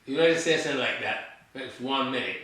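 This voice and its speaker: Mid-range and fairly bright, at a normal speed, this voice belongs to an older Barbadian guest author. He rambles through conversational stories with emphasis, repeats himself, and lets thoughts trail off, all in a very echoey room.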